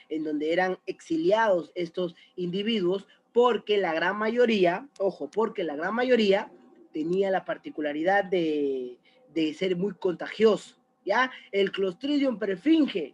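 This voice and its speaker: A man's voice: high voice, dull audio. A man teaching a recorded biology lesson, chatty and often checking in with the student. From Peru.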